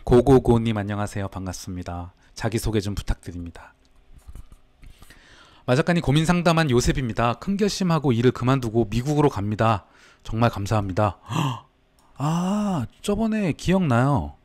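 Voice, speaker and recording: A man's voice: medium pitch, a little mellow. A man hosting a casual livestream as a business coach, talking to his chat and reading comments aloud. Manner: chatty, answers live chat, reads comments aloud.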